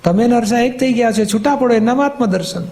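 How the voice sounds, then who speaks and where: High-pitched, mellow-voiced man teaching patiently. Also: quick pace. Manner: patient, explanatory, asks rhetorical check questions. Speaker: spiritual teacher answering questions. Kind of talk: spiritual question-and-answer talk.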